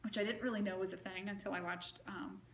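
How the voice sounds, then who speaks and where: A woman's voice: mid-range voice, steady tone, fast. A woman being interviewed, telling a long story in a casual, rambling way full of "like" and "you know.". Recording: roomy with faint noise.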